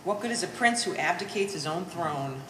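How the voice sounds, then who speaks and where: A woman acts in a live stage play as a resentful, bookish grown daughter, delivering bitter, wordy sarcasm. Her lowish voice is animated and a bit bright at a moderate pace, heard from a distant microphone in an echoey hall with some faint noise.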